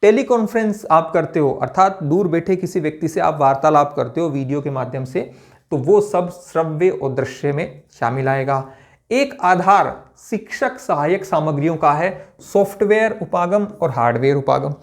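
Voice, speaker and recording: A man's voice: on the high side, expressive, moderate pace. A male lecturer giving an exam-prep lesson, who explains step by step and asks and answers his own questions.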